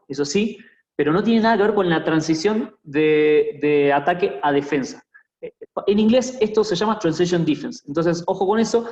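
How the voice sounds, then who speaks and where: A man's voice: a little high, darkish tone, roomy sound, muffled recording. A man teaching a basketball coaching clinic in a hesitant lecture style, full of fillers and restarts, often checking in with "¿no?". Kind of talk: online lecture with screen sharing.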